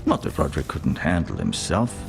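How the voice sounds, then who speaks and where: An actor playing a solemn older male maester and healer in a video game, speaking in a measured, advising way. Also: rumbling low, wildly swooping pitch, creaky, full character voice. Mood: probing. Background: game music.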